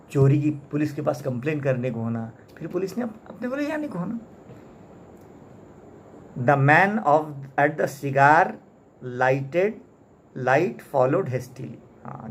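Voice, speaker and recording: A man's voice: mid-range voice, slight background noise. A male teacher from India with an Indian English accent, explaining a text phrase by phrase and checking in with his listeners. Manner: translates line by line, often adds "isn't it?" tags. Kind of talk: classroom lesson explaining a story.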